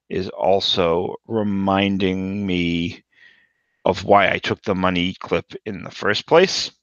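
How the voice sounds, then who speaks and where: A man's voice: low voice, a bit bright, smooth, dry recording. A man narrating his character's thoughts in a tabletop game, thoughtful and hesitant with many ums. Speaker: player. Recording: dull lo-fi audio.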